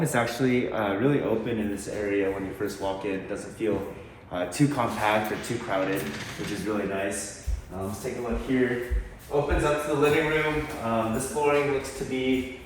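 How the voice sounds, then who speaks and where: A man giving a casual, low-key walk-through house tour as a real estate agent, tentative and mildly approving. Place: inside a mostly empty house, walking through. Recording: echoey empty rooms, distant mic, background noise.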